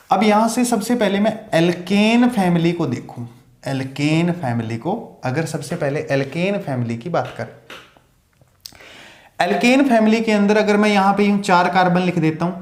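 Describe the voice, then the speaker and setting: A man teaching a science lesson, asking questions and answering them himself, counting aloud as he draws. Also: on the high side. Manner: counts aloud while drawing. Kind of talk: classroom lecture. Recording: echoey room.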